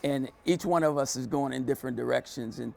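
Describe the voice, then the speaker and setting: A man's voice: mid-range voice, brisk, gravelly, a little mellow. A man who once played for the coach, talking earnestly in a sit-down interview and leaning on "you know" as he reflects. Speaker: former player, interview guest.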